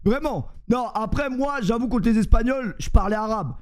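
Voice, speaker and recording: A young man with a French accent streams to his chat, joking and rambling. His voice sits high but sounds dark and mellow, and he keeps poking fun at himself. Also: moderate pace. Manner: joking, rambling, self-mocking.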